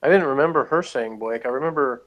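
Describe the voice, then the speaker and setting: Speaking quickly at medium pitch on a rough recording, this man co-hosts a relaxed podcast review of a TV show. He rambles in a plain, matter-of-fact manner.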